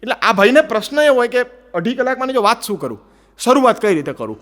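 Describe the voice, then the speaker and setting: A man with a Gujarati accent doing animated stand-up storytelling, acting out the people in his jokes. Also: extremely high pitch, fast, big-room sound. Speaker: stand-up comedian.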